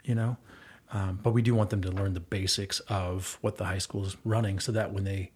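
Brisk and low, with a darkish tone, a breathy edge and fairly even intonation, a middle-aged man rambles through a casual conversation. The guest, a volunteer girls' basketball coach, earnestly describes coaching his kids, using fillers and restarting sentences.

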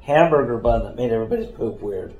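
A man's voice: mid-range voice, expressive, fast, reverberant, narrow, tinny audio, crowd noise. A man playing a tabletop game, joking and playful. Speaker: player. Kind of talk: casual chat at a tabletop game.

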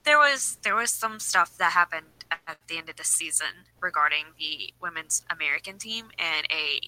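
A woman's voice: on the low side, expressive, normal speed, sharp tone, no echo, low-quality recording. A woman co-hosting a podcast, talking in an earnest, pleading way, her voice a little shaky from shivering in a cold room. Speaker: podcast co-host. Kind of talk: casual chat.

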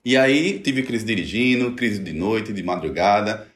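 Middle-aged man, animated storyteller who acts out quoted voices; echoey room. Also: on the low side, a little slow. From Brazil. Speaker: guest telling his story. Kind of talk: personal story in a conversation.

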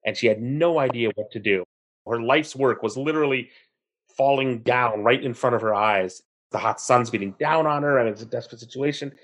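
Animated male storyteller. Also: mid-range voice, brisk. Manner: animated, acts out characters in the story. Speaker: interviewee.

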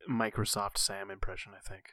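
Loose, swearing podcast guy, low dry voice. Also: level tone, brisk, bright, forceful tone, no room sound. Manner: loose and jokey, swears freely. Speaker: podcast co-host. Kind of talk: casual chat.

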